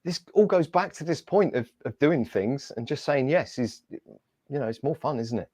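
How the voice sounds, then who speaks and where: A man, a Paralympic athlete, telling stories in an interview in a lively, self-mocking way and acting out the voices he quotes. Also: medium pitch, normal speed, no room sound, studio quality. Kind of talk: storytelling interview answers.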